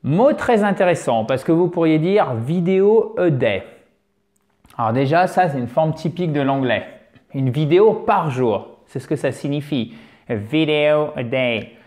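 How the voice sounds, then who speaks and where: A man teaching English pronunciation in French, his native tongue, with animated, exaggerated drills. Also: a little high, moderate pace. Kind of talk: video lesson in French.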